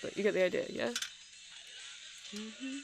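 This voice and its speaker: This performer speaks at a measured pace with medium pitch and vocal fry, voicing a friendly, awkward, nerdy vampire running a music shop. He rambles helpfully, hesitating and apologizing to the listener throughout the ASMR roleplay.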